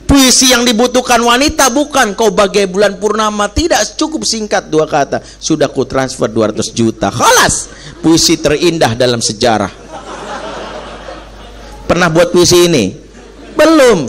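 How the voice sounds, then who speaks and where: A middle-aged man giving a lively Islamic sermon. He jokes, acts out quoted dialogue in other voices and recites Quranic Arabic. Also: a little high. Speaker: preacher.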